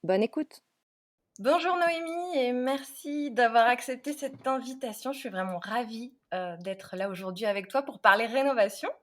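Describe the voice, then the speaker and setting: A woman's voice: a little high, normal speed, dry recording. Upbeat woman podcast host. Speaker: interior architect and decorator. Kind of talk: scripted podcast intro, then casual interview chat.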